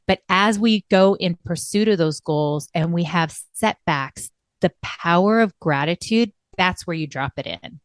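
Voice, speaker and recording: A woman's voice: lowish voice, a little slow, no echo, studio quality. A woman co-hosting a motivational podcast from a remote setup, talking earnestly and reflectively, often checking in with "right?". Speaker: podcast co-host. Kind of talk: casual motivational chat. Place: recording remotely, apart from her co-host.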